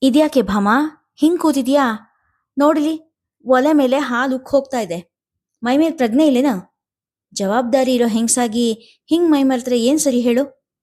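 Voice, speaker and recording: A woman's voice: sits high, moderate pace, pauses often, mellow, pitched above the performer's own voice. A woman doing a scolding elderly husband. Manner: scolding, raised voice. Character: elderly husband, stern but tender.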